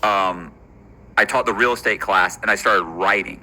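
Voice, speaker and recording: A man's voice: fairly low pitch, moderate pace, pushed and bright, poor audio. A man talking casually about his time in prison, earnest and restarting his sentences often. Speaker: former inmate. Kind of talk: casual conversation.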